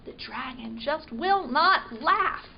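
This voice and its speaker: A woman librarian reads a picture book aloud for children, expressive and stopping to ask her listeners questions. Her voice is high and her pace unhurried. The recording sounds slightly dull, with a faint hiss underneath. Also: vocal fry. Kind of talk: children's storytime read-aloud.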